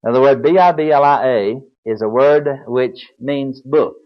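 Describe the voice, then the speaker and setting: Older preacher on a dull lo-fi tape. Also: male voice, mid-range voice, measured pace. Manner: folksy, explanatory, spells words aloud. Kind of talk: Bible lecture sermon. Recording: dull lo-fi recording.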